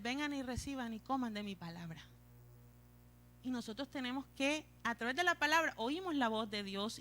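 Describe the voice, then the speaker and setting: A woman with a Colombian Caribbean Spanish accent preaching a sermon, acting out pleading prayers in a high, tearful voice. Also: bright, forceful tone.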